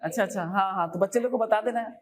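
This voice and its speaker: A woman's voice: mid-range voice, very fast, a crowd in the background. A woman teaching an exam coaching class in a classroom, repeating key terms and quizzing her students with questions.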